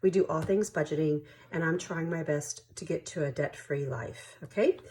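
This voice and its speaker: Her voice is deep and mellow, moving at an ordinary speed. Hosting her budgeting vlog while congested with allergies, she sniffs and coughs, counts cash out loud, and keeps things casual, warm, apologetic and quick to laugh.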